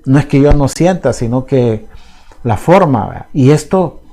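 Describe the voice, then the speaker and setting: A man, a pastor preaching a sermon in a soft, conversational way. He often checks in with the congregation and repeats words as he searches for them. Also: mid-range voice, animated, measured pace, faint music behind, rough recording. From El Salvador. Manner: soft-spoken, conversational, often asks "¿verdad?".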